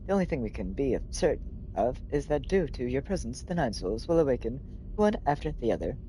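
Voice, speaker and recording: A man's voice: medium pitch, very animated, fairly quick, warm tone, a little hiss or hum, lightly acted. A man voicing a formal, apologetic male robot assistant in a video game, in a slightly robotic delivery. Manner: polite, stiff, apologetic.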